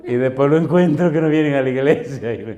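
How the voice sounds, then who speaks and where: Man in his fifties, Dominican accent, pastor, lively sermon, folksy and animated. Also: quick pace, dull audio. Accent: Dominican Spanish. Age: 50s. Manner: animated, laughs often, acts out dialogue with pitch jumps; colloquial, addresses listeners as "compadre".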